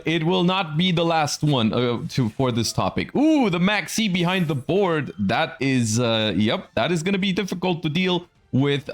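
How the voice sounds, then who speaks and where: A man hosting and commentating a live card game tournament in a conversational, explanatory announcer manner. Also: medium pitch.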